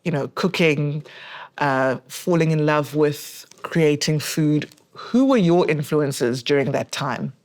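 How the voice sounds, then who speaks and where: Woman, interview host, low voice, casual conversational delivery. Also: slow, a little mellow.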